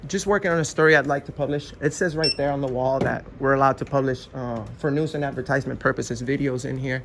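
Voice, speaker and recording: A man's voice: mid-range voice, steady tone, fast, gravelly, noisy background. A man filming as a citizen journalist, arguing casually and insistently, repeating himself in a post office lobby. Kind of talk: casual argument in public.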